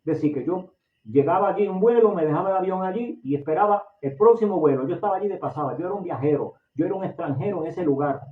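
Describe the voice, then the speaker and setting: Puerto Rican preacher in an echoey hall. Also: male voice, high voice, animated, quick pace, a little hiss or hum. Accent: Puerto Rican Spanish. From Puerto Rico. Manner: impassioned, repeats and restarts phrases. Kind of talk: sermon. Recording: echoey, distant, phone-like audio.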